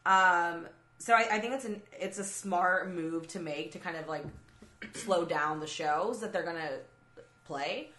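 Woman, low voice, young adult, casual podcast chat, filler-heavy, echoey room. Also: a little slow, bright, forceful tone. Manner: chatty, lots of ums and likes. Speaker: podcast co-host. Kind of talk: casual chat about music.

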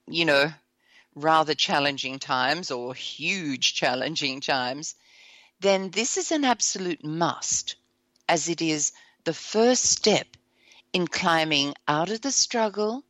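Slow lively woman host, croaky. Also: low voice, dry recording. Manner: enthusiastic, bursts into whoops and laughs. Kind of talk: upbeat self-help show talk.

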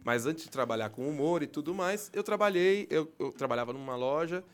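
A man's voice: on the high side, animated, brisk. A Brazilian man, a comedian guest, bantering casually in slangy, effusive talk.

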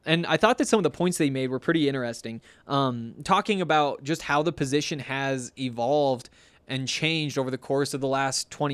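An American man with a clean, fairly high voice hosts a sports podcast in a dry-sounding recording. He talks conversationally, thinking aloud with a halting, casual delivery. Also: clear, resonant tone, no echo. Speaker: sports podcast host reading sponsor spots. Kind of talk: casual talk with semi-improvised ad reads.

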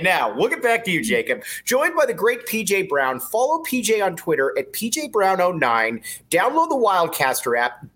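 High-pitched, animated male podcast host. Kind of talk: casual sports podcast chat with sponsor reads.

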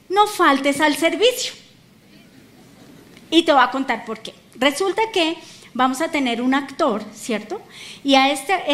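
A woman pastor delivers a sermon in a high, bright voice. She pushes hard on her calls to the congregation, then softens and lowers for the personal moments. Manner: emphatic, rising to calls and dropping low for intimate points.

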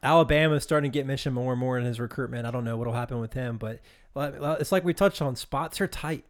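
Mid-pitched man analyzing football players. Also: fast. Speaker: college football podcast co-host. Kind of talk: casual sports talk.

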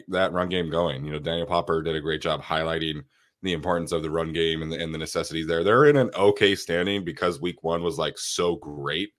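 A young man hosts a casual sports podcast in a very low voice, stuffed up and nasal from a cold. He talks loosely and rambles, with plenty of uhs and restarts. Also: fairly bright tone. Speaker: podcast host.

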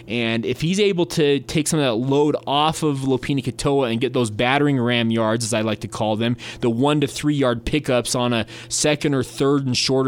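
A young man talking solo on his sports podcast at a middle pitch. He speaks in a chatty, loose way and often stumbles and restarts mid-sentence.

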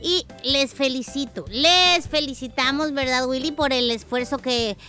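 A woman co-hosting a children's program, speaking directly to young listeners in an animated, chatty, advisory way. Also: high-pitched, measured pace, soft background music. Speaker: children's show co-host. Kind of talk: conversational moral advice to child listeners.

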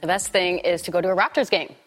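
A North American woman speaks as a sports analyst in a studio discussion. Her voice is a little lower than usual and her style is conversational. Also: quick pace, soft background music. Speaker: tennis analyst.

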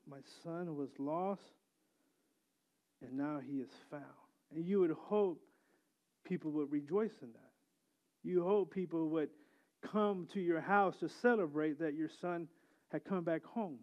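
A man's voice: a little high, dark tone. A man preaching a sermon in a conversational way, often restarting phrases and asking his listeners "right?". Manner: conversational preaching with frequent restarts and tag questions. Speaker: pastor. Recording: muffled lo-fi sound.

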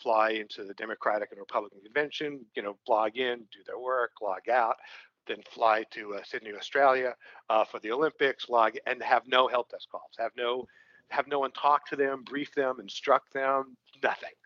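Explaining what his company does in a relaxed interview, this co-founder from Brooklyn, New York, speaks with a Brooklyn accent, full of fillers and restarts. His medium-pitched voice is fairly even at normal speed, in a dry, lo-fi recording.

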